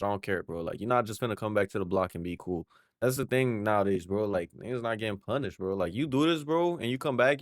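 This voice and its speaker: A man's voice: mid-range voice, no echo, studio quality. A man hosting a reaction video in casual slang, tossing in "bro" constantly and breaking into heated outbursts.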